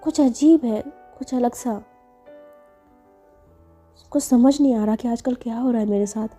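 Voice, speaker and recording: A woman voicing a shy young married woman, confused and wistful, talking in a soft, questioning way. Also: on the high side, unhurried, faint music behind.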